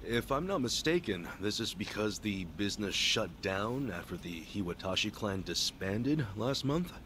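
An actor playing a modest, earnest job counselor in a video game, speaking formally and courteously but firmly. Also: male voice, fairly low pitch, big pitch swings, normal speed, fairly bright tone, a little hiss or hum. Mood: polite, probing.

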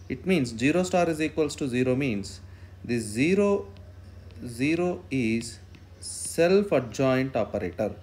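A man's voice: medium pitch, a little mellow. Man dictating a maths lesson, repeating phrases. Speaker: mathematics lecturer. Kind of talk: step-by-step lecture while writing out a proof.

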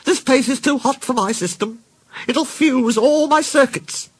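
A man's voice: sits high, expressive, normal speed, a bit bright, slightly rough, voice pushed up, full character voice. A man voicing a grumpy old female motor car in a children's storybook, complaining and wailing in a querulous way. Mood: grumbling.

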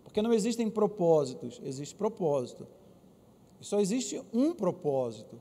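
A man with a Brazilian Portuguese accent preaching a lively sermon as pastor, calling on the congregation to answer aloud. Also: high-pitched, moderate pace. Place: church auditorium. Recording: long reverb of a church hall.

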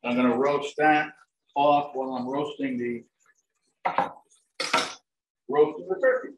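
A middle-aged chef and dining services director leads a live demonstration in a spacious home kitchen, explaining each step in a relaxed way peppered with "um" and "like I said." His medium-pitched, measured voice sounds distant and echoey with faint hiss via a fixed camera across the counter, while turkey sizzles in a pan.

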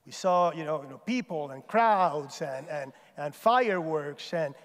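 High-voiced Puerto Rican man in a hall. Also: a little slow. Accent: Puerto Rican Spanish. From Puerto Rico. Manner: animated, gesturing, self-deprecating humor. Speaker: chapel speaker. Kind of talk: chapel talk with stories. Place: large stage in an auditorium. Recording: long hall reverb.

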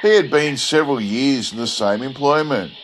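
A man reading an old-fashioned literary yarn as a narrator, in a measured, scripted style. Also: mid-range voice, a bit bright, faint music behind, poor audio.

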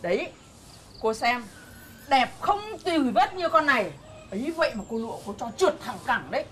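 A woman's voice: high-pitched, lively intonation, normal speed, a bit bright, a little hiss or hum. An actress playing a chatty, bossy older village woman who gossips. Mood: gossiping.

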